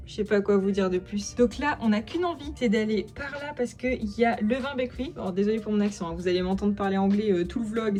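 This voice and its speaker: A woman in her thirties from France, chatting excitedly in a casual travel vlog and laughing often. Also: on the high side. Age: 30s. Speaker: vlogger.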